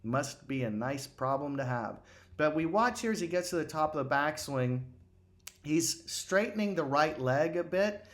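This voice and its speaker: A middle-aged golf instructor with a fairly high voice gives excited swing-analysis commentary over video at normal speed. He rambles, with lots of fillers and restarts.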